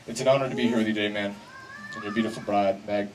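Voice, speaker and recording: A man's voice: fairly low pitch, fairly even intonation, very fast. Man giving a wedding speech, distant noisy recording. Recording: distant mic, noisy live event ambience.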